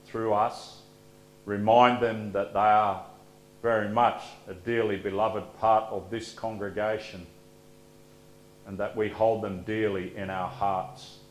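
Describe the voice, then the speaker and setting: A man leading liturgical prayers as pastor, reading in a measured, solemn way, his voice carried by the echo of a large church sanctuary. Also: lowish voice. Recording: echoey church room with faint hum.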